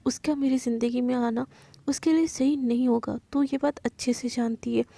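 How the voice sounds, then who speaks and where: A woman's voice: fairly high pitch, steady tone, moderate pace, gravelly, dark tone, no room sound, voice pushed down. A woman voicing a cold, guarded young woman who gives firm, clipped warnings. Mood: stern.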